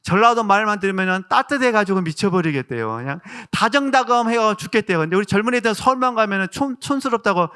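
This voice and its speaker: A man's voice: high-pitched, expressive, fast, few pauses, clear, resonant tone. A male pastor with a Jeolla Korean accent preaching a sermon, telling stories and asking the congregation questions. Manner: warm storytelling with rhetorical questions to the congregation.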